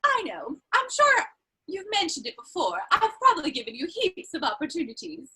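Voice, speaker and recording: Playing a witty, teasing young society lady in a comedy of manners, an actress gives an arch, theatrical, playfully scolding dramatic reading. Her very high voice is sing-song, bright, forceful and exaggerated at normal speed, captured on a rough recording.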